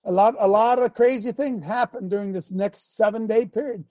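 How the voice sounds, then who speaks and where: An older man hosting a show in a preachy commentary style, repeating his points and firing rhetorical questions, often clearing his throat. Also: sits high, moderate pace, warm tone, no echo. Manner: emphatic, repeats lines, fires rhetorical questions. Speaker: show host.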